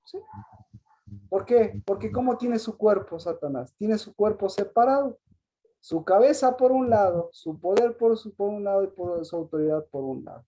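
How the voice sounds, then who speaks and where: A woman leads a Sabbath Bible lesson in a warm, mellow voice of middle pitch. She keeps asking her listeners questions, restarts her phrases and clears her throat now and then. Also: expressive, normal speed. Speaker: Bible teacher.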